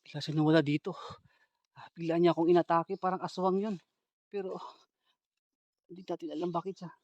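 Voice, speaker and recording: A man filming a ghost-hunting vlog, talking to his viewers in a hushed, tense voice. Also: a little high, steady tone, brisk, dry recording, highs cut off. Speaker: ghost hunter vlogger.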